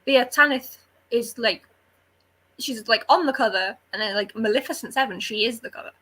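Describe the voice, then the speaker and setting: Quick and a little bright, with a highish, slightly rough voice, this book club readalong panellist discusses books in a casual, animated way. She's informal and opinionated throughout the chat.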